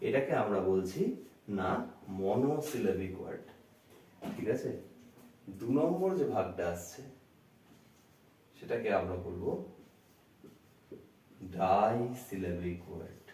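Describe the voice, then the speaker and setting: A man teaching an English grammar lesson, breaking words slowly into syllables and answering his own questions to the class. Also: on the low side, expressive, warm tone, slight background noise. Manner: asks the class questions and answers them himself. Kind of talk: classroom lecture. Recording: roomy echo, voice from a distance.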